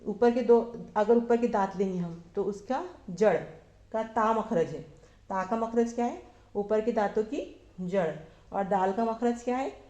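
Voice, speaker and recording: A woman teaching Arabic verb forms to a class of women, asking questions and answering them herself, repeating each form slowly. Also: medium pitch, dark tone, reverberant, highs cut off. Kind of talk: slow classroom lesson.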